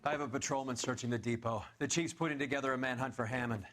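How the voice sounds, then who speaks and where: A hard-nosed detective from a 1940s crime game, acted by a man. His mid-pitched voice is clipped and commanding, giving orders like a policeman. Music plays clearly behind him. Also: fairly even intonation, fast, a bit bright, close to an everyday voice. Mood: brisk, commanding. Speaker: video game character. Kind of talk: scripted dramatic game dialogue.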